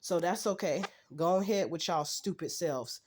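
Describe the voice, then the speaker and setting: A woman's voice: on the low side, moderate pace, a little mellow, breathy edge. A woman ranting to her vlog audience in a profane, heated, blunt way. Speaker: channel host. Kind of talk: angry personal rant vlog.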